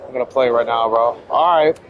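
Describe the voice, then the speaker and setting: A man's voice: mid-range voice, lo-fi sound. Casual young man streaming a game. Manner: casual, halting reading with fillers, says "bro". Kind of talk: casual live game stream, reading text aloud.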